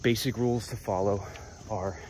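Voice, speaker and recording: A man vlogging hiking tips while walking a trail outdoors, relaxed and a bit profane, talking between breaths. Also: on the low side, moderate pace, slight background noise. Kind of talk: casual talk while hiking. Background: crickets and insects.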